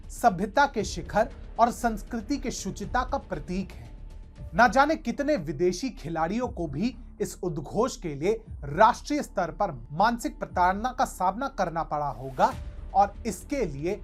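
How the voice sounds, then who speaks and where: Woman narrating with a lively, rising-falling pitch. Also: a little slow. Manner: emphatic, rhetorical delivery. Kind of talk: scripted commentary narration. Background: faint background music.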